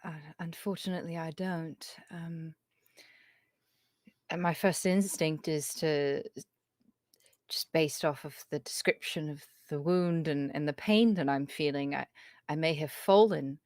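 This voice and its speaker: A woman playing an injured, evasive woman hiker in a tabletop game, halting and politely apologetic. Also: low voice, fairly even intonation, darkish tone, dry recording, studio quality. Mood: hesitant, evasive.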